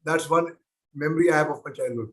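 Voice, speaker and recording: A man's voice: a little high, quick pace. A man, a guest answering children's questions on a webinar call, playful and teasing as he talks straight to the kids. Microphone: video call.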